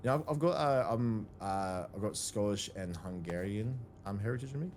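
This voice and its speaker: Excitable gamer man, lively voice. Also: on the low side, moderate pace. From Australia. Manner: excitable, swears, thanks viewers. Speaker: gamer on a stream. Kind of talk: casual gaming chat. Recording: loud background noise.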